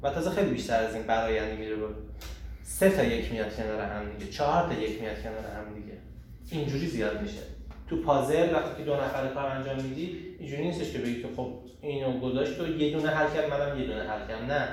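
A man hosting a casual group talk on personal growth, animated and emphatic, often asking rhetorical questions. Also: medium pitch. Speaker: host leading a group discussion. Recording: echoey room, far from the mic, faint noise.

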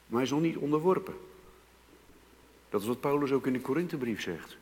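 A man preaching a sermon, moving from hushed, slow passages to loud, emphatic outbursts. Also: mid-range voice, expressive. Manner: dramatic swings between hushed and loud emphasis. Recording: long reverb of a church hall.

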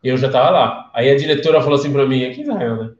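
Rapid-fire and expressive, a mid-range male voice with a Brazilian Portuguese accent leads a casual live-streamed class from Brazil. He tells stories and questions listeners chattily, in roomy, lo-fi sound.

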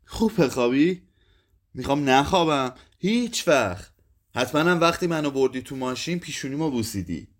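A furious, scornful drunk woman hurls her lines in a swinging, lively voice, as a man reads her part. Her anger comes out in shouts and sneers, read as an audiobook story. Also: mid-range voice, pitched above the performer's own voice, lightly acted. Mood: bitter. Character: bitter, angry drunk woman lashing out.

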